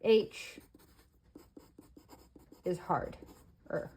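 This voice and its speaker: A woman with a Canadian accent giving a casual art tutorial voice-over, talking in short, halting phrases with fillers. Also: darkish tone, a little hiss or hum. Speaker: artist teaching beginners.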